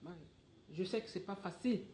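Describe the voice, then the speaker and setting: An actress playing a mother gently comforting her widowed son, in melodramatic film acting. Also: medium pitch, brisk, lightly acted. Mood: gentle soothing. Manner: gentle, soothing. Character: tender mother, soothing and hopeful.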